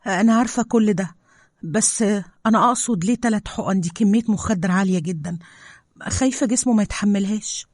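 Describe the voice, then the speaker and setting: A woman with an Egyptian accent voicing a protective woman scientist who soothes gently and argues hotly. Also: medium pitch, fast talker, no echo, clean studio sound, pitched above the performer's own voice, lightly acted. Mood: angry. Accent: Egyptian Arabic. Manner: soothing with the wolf, heated with colleagues.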